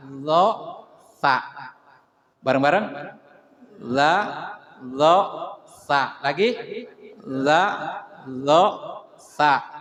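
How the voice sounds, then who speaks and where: A man's voice: high-pitched, fairly bright tone. A man teaching a Quran tajwid lesson, drilling syllables over and over for a group to repeat. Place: mosque hall. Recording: echoey mosque hall.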